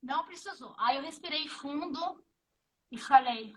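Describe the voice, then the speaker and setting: High-voiced Brazilian woman telling a lively story. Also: measured pace, slight background noise, low-quality recording. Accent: Brazilian Portuguese. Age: 50s. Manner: animated storyteller who acts out the dialogue. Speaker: guest. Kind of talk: casual interview chat.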